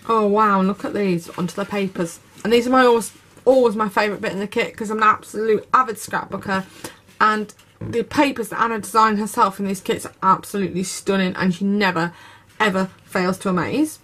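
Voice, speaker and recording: A woman's voice: mid-range voice, fairly even intonation, brisk, a bit bright. Gushing woman unboxing crafts. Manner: gushing, enthusiastic. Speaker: craft YouTuber. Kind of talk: unboxing video narration. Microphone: camera over tabletop, speaker off screen.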